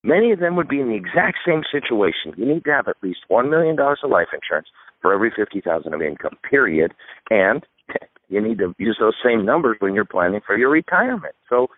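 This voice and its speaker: A man in his fifties, appearing as a retirement expert guest on a radio interview, gives emphatic advice one step at a time. His voice is lowish, sing-song and fast, with no room sound over a dry, tinny phone line.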